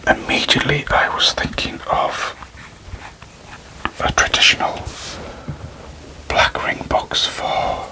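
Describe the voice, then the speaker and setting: A man performs a whispered role-play in the manner of an ASMR creator. His voice is a breathy whisper with no full voicing. He takes his time, phrasing gently and deliberately with unhurried pauses. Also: low-quality recording. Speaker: ASMR creator addressing viewers.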